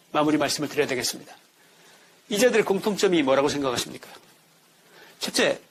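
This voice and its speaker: Indignant Korean commentator, higher-pitched man. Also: a little hiss or hum. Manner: indignant, full of rhetorical questions. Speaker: political commentator. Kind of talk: scripted political commentary.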